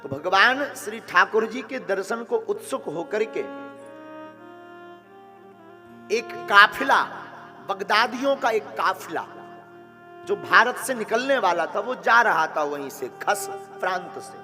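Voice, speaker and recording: Man with telling a holy story, slow and high, echoey hall, soft music under. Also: expressive. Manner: slow, devotional, emotive narration. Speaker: religious storyteller. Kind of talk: devotional story sermon.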